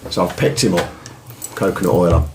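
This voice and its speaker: A man's voice: low-pitched, brisk, gravelly, a little hiss or hum. A man from England with an East Midlands accent, telling rambling, self-mocking stories as a guest on a casual podcast. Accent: English East Midlands. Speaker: podcast guest, musician and former lifeguard. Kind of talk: casual storytelling chat.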